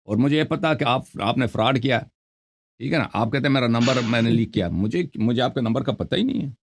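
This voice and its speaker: A man's voice: mid-range voice, animated. Man hosting, scolding a caller. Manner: scolding, accusing, cuts in over the caller. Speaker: show host. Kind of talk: confrontational live call-in debate.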